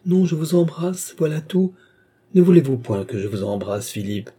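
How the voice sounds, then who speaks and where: A man's voice: a little high, very animated, moderate pace, warm tone, breathy edge, pitched above the performer's own voice. A man reading aloud, voicing a frail, nervous young noblewoman who talks in a breathless, protesting way.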